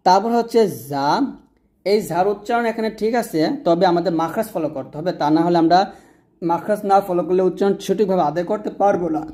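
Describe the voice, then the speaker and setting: A woman with a Bangladeshi Bengali accent teaching Arabic letter pronunciation, patiently repeating each sound slowly. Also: fairly low pitch, warm tone. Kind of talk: explaining letter by letter.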